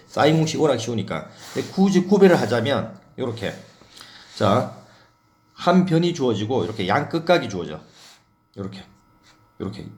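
A man teaching a math lesson at an everyday pitch. He talks through what he writes on the board and keeps checking that the listener is following, in a loose, casual way. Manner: talks through his board work while writing.

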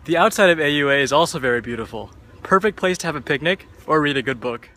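This student tour guide and vlogger sounds animated and fast, with a high, sharp voice, as he reads upbeat scripted lines. He's a young adult recording on an arm's-length phone, backed by music.

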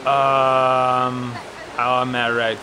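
A young man, a trail runner, answering interview questions outdoors in a relaxed, soft-spoken way. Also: medium pitch, drawn-out words, crowd noise, low-quality recording. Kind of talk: post-race interview. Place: outdoors in a forest by a race course.

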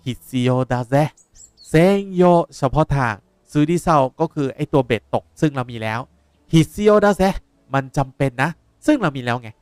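A young man, a language teacher explaining words in a lively way while playing a game. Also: medium pitch, fairly quick, clean tone, no room sound. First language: Japanese. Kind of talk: game playthrough lesson.

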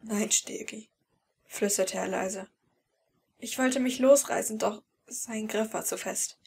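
A woman's voice: slow, creaky, slightly rough, heavily acted. Woman whispering as a menacing young man. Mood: pitying. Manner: hushed, low whisper. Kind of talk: whispered role-play.

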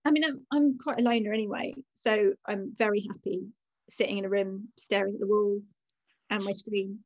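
A woman's voice: mid-range voice, fairly even intonation, moderate pace, dull audio. A woman in her forties, an author, chatting casually and self-deprecatingly on a video call from a room at home.

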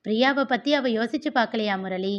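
A woman's voice: fairly high pitch, fairly quick, close to an everyday voice. A woman voicing a stern elderly mother who gives firm commands. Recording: dull lo-fi recording.

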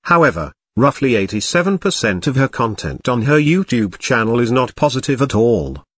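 A man narrating scripted commentary as host in a formal, deadpan way. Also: medium pitch, moderate pace, slightly rough, dry recording, clean studio sound.

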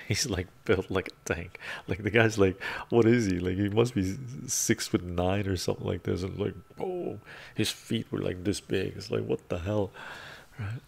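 This is casual live-stream talk with comment reading, from a middle-aged man whose first language is Romanian, seated in a home room full of bookshelves and wearing a lapel mic. His fairly low voice is gravelly and slightly rough, steady in tone, at normal speed. His manner rambles, peppered with "right?" asides.

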